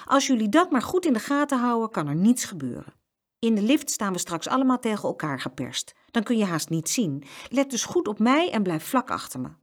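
A woman's voice: a little high, sing-song, pitched above the performer's own voice. A woman voicing a harried, strict mother of twins who is in a hurry. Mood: stern. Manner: stern, hurried.

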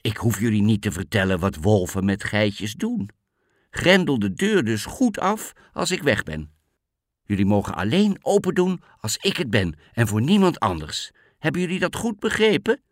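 A man's voice: on the low side, very animated, moderate pace, no echo, clean studio sound. A man voicing a caring, anxious mother goat who speaks earnestly and urgently in a storybook. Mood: warning.

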